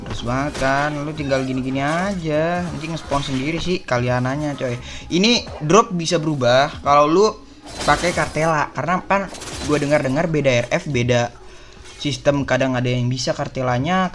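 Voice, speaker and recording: A man's voice: mid-range voice, a bit bright. A young man from Indonesia giving casual gameplay tips, chatty and slangy, calling his viewers boss and buddy. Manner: slangy, chummy, addresses viewers as bos and coy. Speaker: gaming YouTuber.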